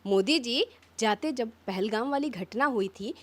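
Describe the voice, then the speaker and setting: A woman's voice: fairly high pitch, lively intonation. A woman politician giving an impassioned interview, firing rhetorical questions one after another. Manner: fiery, rapid rhetorical questions. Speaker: opposition politician.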